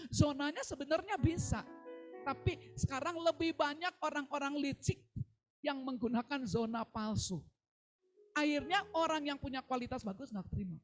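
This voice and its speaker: A woman pastor preaching a sermon over a live video call, telling a story and quoting people in changing voices. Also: high-pitched.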